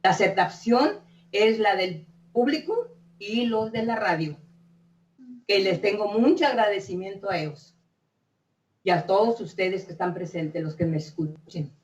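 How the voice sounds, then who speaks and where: A woman's voice: medium pitch, lively intonation, unhurried, darkish tone, dull audio. An older woman singer, telling stories in a chatty, folksy way full of "¿eh?" tags. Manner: chatty, folksy, frequent "¿eh?" tags and repeated words. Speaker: singer being interviewed. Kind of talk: warm, rambling storytelling interview. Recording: echoey room, voice from a distance, faint hum.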